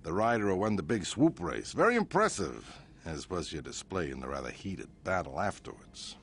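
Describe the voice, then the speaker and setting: An actor playing a smooth, self-satisfied male crime boss who speaks in a grand, smug way. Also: sits low, very animated, normal speed, fairly bright tone, exaggerated voice.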